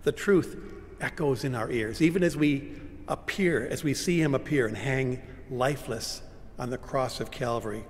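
An older male pastor delivers a sermon at a pulpit, moving between forceful cries and near-whispers. His mid-pitched voice rings with the long reverb of a large church sanctuary. A faint hum of the room sits underneath. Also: moderate pace. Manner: dramatic, swinging between loud cries and hushed whispers.

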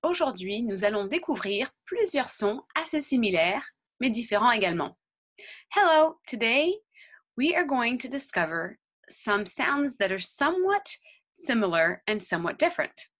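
A woman teaching French pronunciation, saying each model word slowly and carefully, then explaining it again in English. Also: fairly high pitch, very animated, fairly bright tone. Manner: slow, carefully articulated model words. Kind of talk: bilingual pronunciation lesson.

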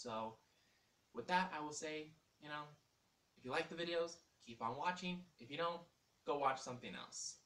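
A man's voice: fairly high pitch, a bit bright. A young man, a ventriloquist, talking casually to the camera in his living room. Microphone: camera a few feet away. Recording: echoey, distant mic with faint hiss.

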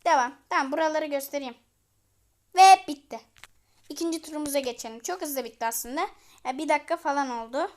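A woman with a high, bright voice gives excited live commentary over her gameplay. She chants single words again and again at the action and turns now and then to address the viewers as friends. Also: fast. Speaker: gamer and channel host.

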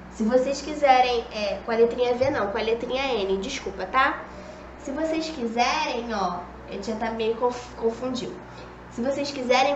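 A woman's voice: fairly high pitch, slight background noise. A young woman teaching preschoolers in a recorded video lesson, patient and coaxing, often checking in with the children. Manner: patient, coaxing, talks to kids as "a tia", many "ó" and "tá bom?". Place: classroom with a whiteboard. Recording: dull echoey room recording.

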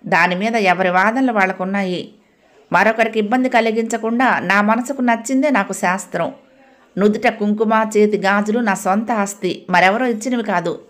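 A woman playing a calm dignified young widow. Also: medium pitch, close to an everyday voice. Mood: firm. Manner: calm, measured, firm.

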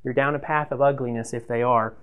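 A man's voice: mid-range voice, fairly even intonation, a little fast, clean tone, phone-quality sound. A man in his fifties giving a standing whiteboard lesson in a small room, talking animatedly and gesturing as he explains. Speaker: church web consultant presenter.

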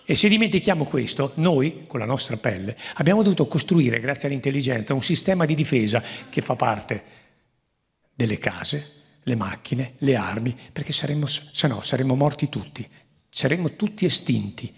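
A man's voice: mid-range voice, animated, moderate pace, creaky, breathy edge. A man moderating a public meeting, exhorting the audience with emphatic repeated warnings. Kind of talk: public talk at a conference. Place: theatre stage before a large audience. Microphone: handheld microphone. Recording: long theatre reverb.

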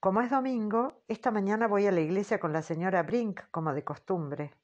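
A woman narrating an audiobook in the first person, in a measured, earnest storytelling manner. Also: medium pitch, darkish tone, dull audio.

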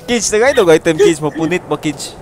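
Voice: mid-range voice, animated, brisk, background noise. A gamer with a Cebuano accent, bantering casually with a friend while streaming, laughing often and swearing playfully.

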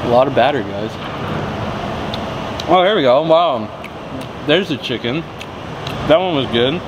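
A man's voice: mid-range voice, animated, a little slow, dull audio. Man talking while chewing, noisy outdoors. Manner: casual, tasting and commenting as he eats. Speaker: food reviewer. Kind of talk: casual food review vlog. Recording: noisy outdoor recording with traffic.

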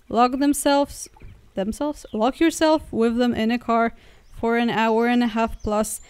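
A woman's voice: on the high side, darkish tone, smooth, no room sound. A young woman from Poland chatting casually as a travel vlogger while riding in a car through the woods, rambling and correcting herself as she goes. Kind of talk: casual vlog narration.

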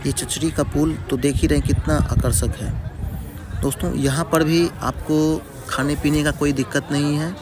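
A man's voice: on the high side, steady tone, normal speed, music in the background. A man narrating a casual travel vlog at a riverside picnic spot, talking to viewers like friends. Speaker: travel vlogger.

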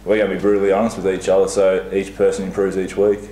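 A man's voice: low-pitched, completely flat delivery, fast, dark tone. A young man, a basketball player answering press questions in a plain, matter-of-fact way. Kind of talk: post-match press conference. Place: small press room before a sponsor backdrop. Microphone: table mic on a stand. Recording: echoey room with faint hiss.

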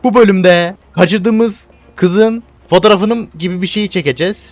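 Young male gaming commentator, high voice, excitable and loud at action moments. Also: measured pace, no room sound, faint music behind. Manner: excitable, laughing, shouting at game events. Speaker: gaming YouTuber. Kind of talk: gameplay commentary.

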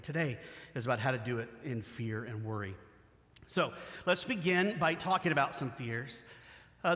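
Male pastor, middle-aged, higher voice, casual sermon delivery in a hall with long reverb. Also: pushed and bright. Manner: conversational, self-correcting, asks congregation to respond. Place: church sanctuary.

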